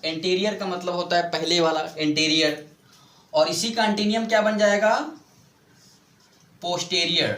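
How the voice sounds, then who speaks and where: A man teaching English vocabulary in Hindi mixed with English, explaining slowly, repeating words and asking his students questions. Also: sits high, sharp tone, echoey room.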